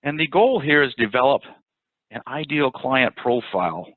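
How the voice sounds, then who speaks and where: A man's voice: mid-range voice, expressive, moderate pace, dry recording. A man giving a casual sales training webinar, talking loosely with many fillers and restarts. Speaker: webinar presenter. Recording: dry, phone-like audio.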